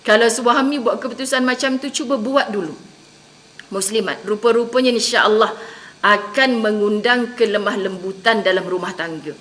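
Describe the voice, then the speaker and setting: A woman's voice: mid-range voice, normal speed. A middle-aged woman with a Malaysian accent, preaching a sermon to women and acting out the people in her stories. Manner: animated storytelling, acts out quoted people. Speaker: religious teacher.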